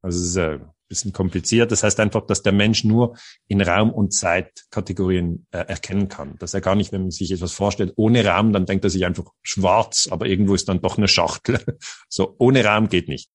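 A low-voiced, husky man from Switzerland. He tells personal stories as an interview guest in an earnest, reflective way and often hesitates as he searches for words. The sound is close and dry. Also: fairly even intonation, moderate pace, no room sound.

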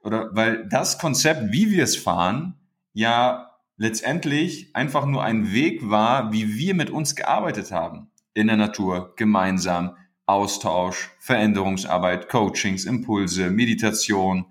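Low-voiced man chatting on a podcast. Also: unhurried. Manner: animated, storytelling with acted-out dialogue. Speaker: podcast co-host. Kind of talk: casual podcast chat.

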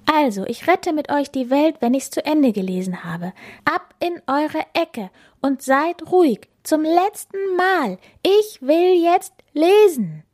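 A woman's voice: high-pitched, animated, moderate pace, few pauses, voice pushed up. A woman voicing a determined bookish young girl in a storybook, firm and insistent.

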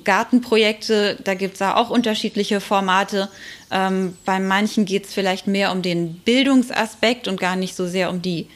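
A woman answers interview questions as an expert in an informal way, speaking thoughtfully and pausing hesitantly often. Her pitch is medium.

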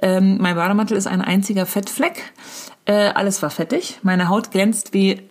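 Woman, comic monologue, voice message, gossipy, exaggerating, breathy. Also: medium pitch, normal speed. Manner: gossipy, exaggerating, mixes in English phrases. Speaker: comedian.

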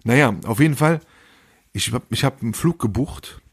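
Husky-voiced man telling a story. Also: medium pitch, moderate pace. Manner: animated, crude street slang, acts out quoted lines. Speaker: podcast host. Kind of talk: casual comedic storytelling.

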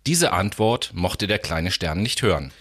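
A man narrating a children's story in a lively, expressive reading voice. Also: deep voice, measured pace, slightly rough.

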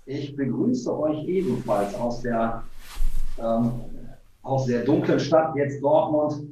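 An older man from Siegerland, a former football player joining as a guest over a laggy low-bandwidth call, talking in a halting way with many fillers. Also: expressive, mellow, slight background noise. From Siegerland, Germany. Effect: laggy low-bandwidth remote call line. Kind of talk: casual chat. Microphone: remote video call. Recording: echoey, distant, dull call audio.

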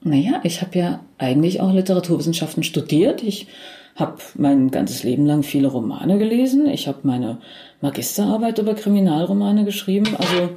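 Forties woman, low mellow voice, chatty podcast guest, wry, full of fillers. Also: animated, brisk, roomy sound. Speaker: crime novelist and dubbing director. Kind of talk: casual podcast interview.

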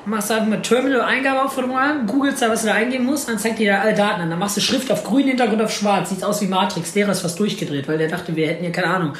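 Chatting casually, a man with a high, slightly bright voice races through rambling, slangy anecdotes with hardly a pause, acting out the dialogue himself. The recording has a roomy echo and a faint hiss or hum.

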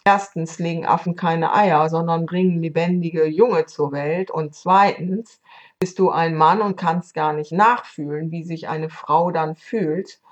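A woman voicing a proud, sharp-tongued parrot hen. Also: deep voice, steady tone, measured pace, muffled recording. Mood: scornful. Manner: complaining, self-pitying.

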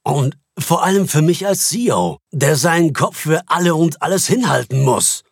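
A man's voice: fairly high pitch, sing-song, normal speed, husky, no echo, studio quality, pitched above the performer's own voice, heavily acted. A man doing a harsh, irritable bank CEO. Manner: curt and scornful.

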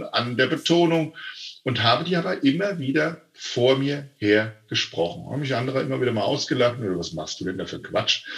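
A man's voice: mid-range voice, fairly bright tone. A man who has trained people in sales for over twenty years, talking enthusiastically in a casual conversation, with many fillers.

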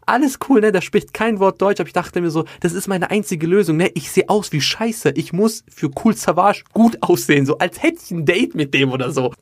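A man in his twenties telling a comic story in an animated, slangy way, packed with filler tags. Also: high voice, fairly quick, few pauses, dry recording. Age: 20s. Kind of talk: comedic storytelling to an audience.

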